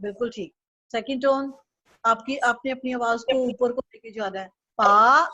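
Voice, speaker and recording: A woman's voice: on the high side, moderate pace, a bit bright, no echo, lo-fi sound. A woman teaching an online Chinese lesson, patiently drilling syllables and tones for the student to repeat.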